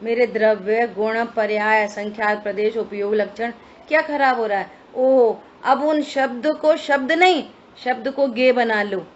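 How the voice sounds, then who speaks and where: Speaking at a measured pace in a slightly high voice, a woman leads a scripture study, working through the material step by step and posing rhetorical questions to her audience. A faint hiss runs under the dull, lo-fi audio.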